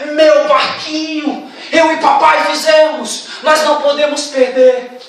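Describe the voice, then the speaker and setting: A man's voice: very high voice, flat delivery, slow, creaky, a bit bright, full character voice. A man with a Brazilian accent voicing a small boy who pleads tearfully over his lost toy boat, in a sermon story. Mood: desperate. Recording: echoey church hall, distant mic.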